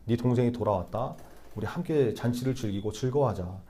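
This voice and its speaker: A man voicing an old father gently pleading with his elder son, as an acted quote inside a sermon. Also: mid-range voice, a little fast, natural voice.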